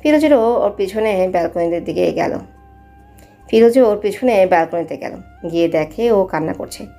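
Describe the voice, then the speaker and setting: Warm-toned woman narrating a story. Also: mid-range voice, animated, moderate pace, soft background music.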